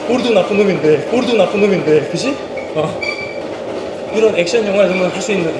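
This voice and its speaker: Man, high-pitched, casual storyteller, talking while running, echoey space, rumbling noise. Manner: animated retelling, acting out quoted dialogue. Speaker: actor vlogging about his drama work. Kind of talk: casual storytelling chat to camera. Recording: echoey, noisy with rumbling ambience.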